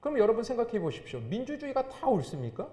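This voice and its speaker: A man's voice: very high voice, big pitch swings, fast talker, mellow. A man, a pastor, preaching a sermon with emphatic, rising and falling delivery. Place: church sanctuary. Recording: echoey church hall.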